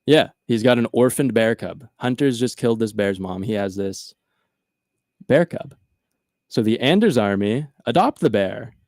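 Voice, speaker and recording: Male podcast host, animated storyteller, casual, dry recording. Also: mid-range voice, moderate pace, dry recording.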